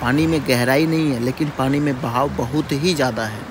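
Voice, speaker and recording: A man's voice: medium pitch, brisk, noisy background. A man narrating a casual travel vlog at a riverside picnic spot, talking to viewers like friends. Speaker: travel vlogger.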